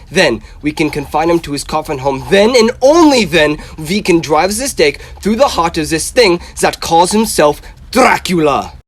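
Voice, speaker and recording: A young man in a radio drama playing a grave, insistent professor who hunts vampires, speaking in an emphatic, solemn, theatrical way. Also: fairly high pitch. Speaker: actor in a school radio drama.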